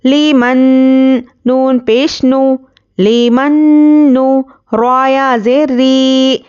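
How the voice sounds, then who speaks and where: Recitation teacher, female, high clear smooth voice, very slow drawn-out syllable drills, slightly muffled recording. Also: little pitch movement, a little mellow. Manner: spells out letters and vowel marks, then blends them slowly; explains quickly in a conversational teaching tone.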